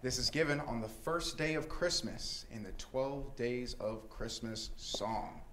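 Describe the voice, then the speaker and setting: A man's voice: mid-range voice, measured pace, fairly bright tone, slight background noise. A man hosting a casual Christmas quiz game, upbeat and laughing often as he reads the questions. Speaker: host.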